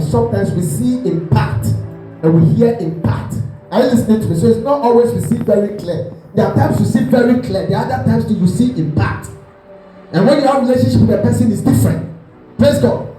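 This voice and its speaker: A high-voiced male pastor preaches with lively storytelling and acts out the people in his story. His mellow voice rings through a very echoey hall. Music plays softly behind him. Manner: animated storytelling, acts out voices, asks the congregation questions. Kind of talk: sermon.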